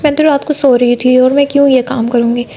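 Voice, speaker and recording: A woman doing a young bride in a cartoon story, high and flat, pretty much her normal voice. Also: fairly quick. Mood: denying. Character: young new bride, odd and secretive.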